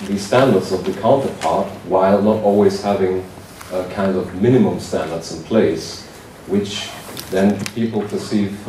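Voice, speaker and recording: A man with a German accent gives a conference keynote speech. He pauses often and fills the gaps with "uh" and "um". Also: deep voice. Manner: hesitant, many fillers. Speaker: keynote speaker, member of parliament. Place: conference hall. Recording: distant echoey hall recording with background noise.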